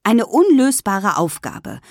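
A woman's voice: medium pitch, big pitch swings, slow pace, a little mellow, no echo, clean studio sound, voice pushed up, full character voice. A woman voicing a dramatic, theatrical young schoolgirl. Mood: knowing. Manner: theatrical, lamenting.

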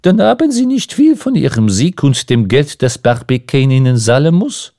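A man voicing a lively mocking Frenchman. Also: mid-range voice, normal speed. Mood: teasing. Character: excitable mocking Frenchman, grown man, theatrical. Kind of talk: audiobook character reading.

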